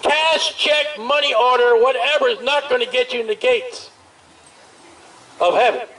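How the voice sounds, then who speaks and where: Heard from fairly far off, a high-voiced street preacher amplifies his open-air sermon through a portable speaker at a busy street festival. His delivery is loud and emphatic, full of drawn-out, hammering phrases, and ambient outdoor noise fills the distant recording.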